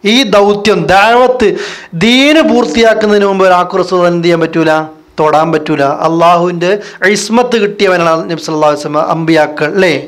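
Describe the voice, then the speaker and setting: A man's voice: high-pitched, steady tone, fairly quick. A man giving a religious lecture as a preacher, asking rhetorical questions and answering them himself. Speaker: Islamic preacher.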